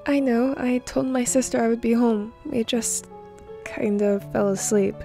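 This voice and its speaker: A woman reading the lines of a tired, stubborn young man in a soft, hushed voice, in a fan fiction reading. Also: fairly high pitch, fairly even intonation, unhurried, gravelly, faint music behind. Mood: hushed, insistent.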